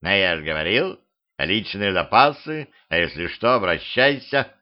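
A sly little red-furred house spirit with an offhand way of talking, voiced by a man reading an audiobook. His voice sits low. The recording is dull and lo-fi. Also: sing-song, moderate pace.

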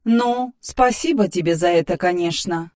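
Man voicing a female AI in a man's head, high voice, cool, teasing, lecturing tone, audiobook. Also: moderate pace, a little mellow, close to an everyday voice. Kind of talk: audiobook character voice.

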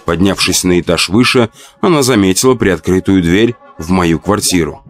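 A man reading a first-person horror story aloud, expressive and dramatic. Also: low-pitched, normal speed, faint music behind. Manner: expressive, acts out shouts and laments. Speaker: audiobook narrator.

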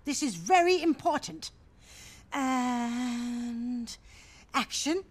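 A woman's voice: fairly high pitch, drawn-out words. A woman acting a bossy, dithering leader of a role-play group in a sitcom.

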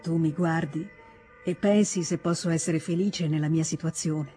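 A woman's voice: sits low, fairly even intonation, moderate pace, faint music behind, close to an everyday voice. A woman reading an audiobook, voicing a tender young noblewoman who speaks in an earnest, confiding way. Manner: earnest, confiding, gently pleading. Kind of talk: audiobook character voice.

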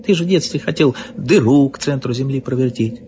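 A man's voice: medium pitch, fairly quick, mellow, highs cut off, a little hiss or hum, voice pushed up, lightly acted. A man voicing an agitated middle-aged company director who pleads and exclaims. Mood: pleading.

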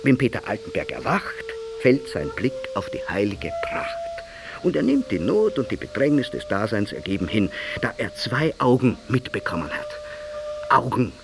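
Lively male audiobook reader over music. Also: lowish voice, normal speed, low-quality recording. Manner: expressive literary reading. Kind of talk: scripted audiobook reading. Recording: music behind the voice.

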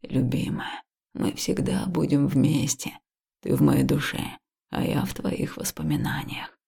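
A gentle young man in an audiobook, as a woman narrator puts him on, speaking in a low, soft, half-whispered voice. The tone is husky and gravelly, and he soothes rather than commands. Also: measured pace, exaggerated voice. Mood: soothing. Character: tender young man, loving boyfriend. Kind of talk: audiobook character voice.

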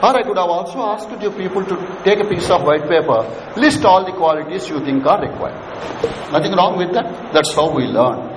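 A man's voice: sits high, lively intonation, normal speed. A man with an Indian accent giving an interactive lecture to students, prodding listeners with questions and repeating his points. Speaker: lecturer leading a management session. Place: large hall with an audience of students. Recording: echoey hall, clearly noisy background.

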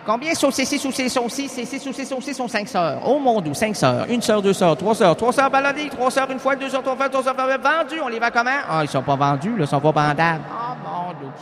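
With a Québécois accent, a man runs through a rambling, improvised comic monologue packed with wordplay, his voice very high, expressive, and fairly bright as he talks briskly with few pauses. A long hall reverb carries faint music behind him.

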